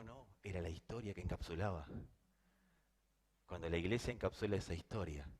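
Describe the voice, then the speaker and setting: A middle-aged pastor with a Rioplatense Spanish accent and a lowish voice preaches a sermon. He drops into hushed intensity, then rises to loud emphasis.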